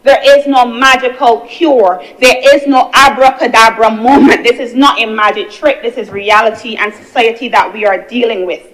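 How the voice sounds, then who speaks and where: Her fairly high, fairly bright voice stays steady at a moderate pace as this young Barbadian senator addresses the senate chamber earnestly. She stacks her points through repeated phrasing, and the audio is rough.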